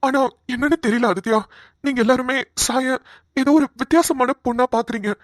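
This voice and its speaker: A woman's voice: high-pitched, fairly quick, dry recording, clean studio sound, lightly acted. A woman voicing an earnest, remorseful young man in a cartoon, talking in a heartfelt way. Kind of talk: cartoon voice acting.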